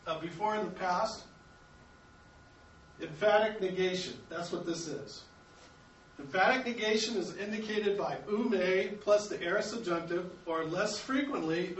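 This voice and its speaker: American guy teaching sunday school, kinda high voice, echoey room picked up from far off. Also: slight background noise. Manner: explanatory, self-correcting, chuckles at himself. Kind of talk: Bible lesson to a class. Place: church classroom. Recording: echoey room, mic at a distance.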